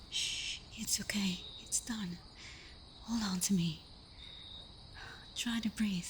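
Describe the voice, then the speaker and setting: In an intimate ASMR roleplay, a woman plays a vampire girlfriend who is protective and scolding yet tender, speaking in a hushed, worried way that often slips into breathy whispers. Her voice is medium-pitched and lightly acted, with slight background noise.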